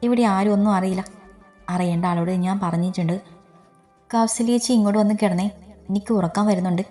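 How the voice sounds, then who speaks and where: A woman's voice: medium pitch, fairly even intonation, fast, warm tone, soft background music, lightly acted. A woman reading a devoted tearful young woman. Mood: insistent. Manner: pleading, emotional.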